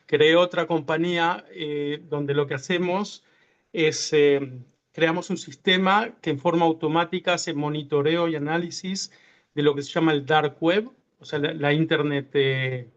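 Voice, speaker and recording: A man's voice: a little high, fairly even intonation, unhurried. A man from Uruguay, a tech entrepreneur guest speaking hesitantly with many fillers and restarts in an online interview. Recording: muffled lo-fi video call audio.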